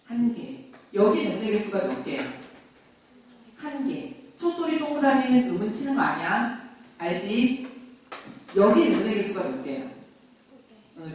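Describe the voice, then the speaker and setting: A middle-aged woman teaching grammar to a classroom, lively, quizzing and teasing her students. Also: mid-range voice. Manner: lively, questions and teases students. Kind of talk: classroom lecture. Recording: very echoey classroom from far off.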